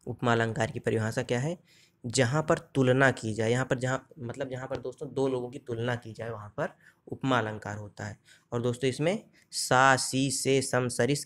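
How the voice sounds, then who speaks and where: Man explaining Hindi grammar for exams. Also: mid-range voice. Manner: explains step by step, asks and answers his own questions; recites verse examples slowly. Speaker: teacher. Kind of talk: exam-prep grammar lesson.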